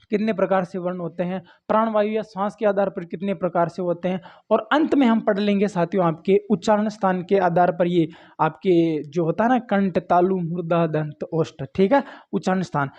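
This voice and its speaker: A man's voice: sits high, darkish tone. A man teaching a Hindi grammar class for exam prep. He keeps asking his students questions and then answering them himself. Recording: dull lo-fi audio.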